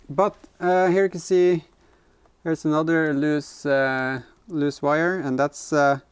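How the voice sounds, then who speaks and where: His voice is a little high, steady and smooth, and he takes his time. He's a car DIY vlogger in his thirties giving casual, tentative hands-on commentary while working in a garage workshop and inside the back of a car.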